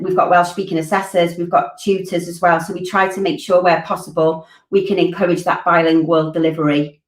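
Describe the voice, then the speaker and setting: Streaming from indoors at home over a laptop webcam video call, a woman in her forties who directs a college curriculum fields viewer questions. She speaks at medium pitch, casually, with many ums and restarts, and the distant laptop mic sounds roomy.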